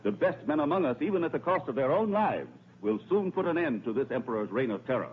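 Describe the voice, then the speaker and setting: An actor playing a proud, rebellious Roman senator, speaking formally like an orator in a dubbed historical film. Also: male voice, mid-range voice, very animated, quick pace, natural voice. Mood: grave counsel. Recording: tinny narrow-band old film soundtrack, noisy.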